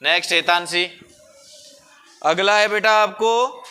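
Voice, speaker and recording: A man teaching a primary school class, patiently coaxing the children and drawing words out slowly to show the sounds. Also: high voice, bright, forceful tone, clear, resonant tone. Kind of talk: classroom lesson.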